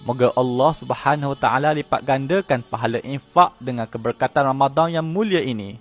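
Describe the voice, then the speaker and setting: A narrator reads a scripted news report at a brisk, steady pace, his tone even and his pitch in the middle range. Soft music runs underneath.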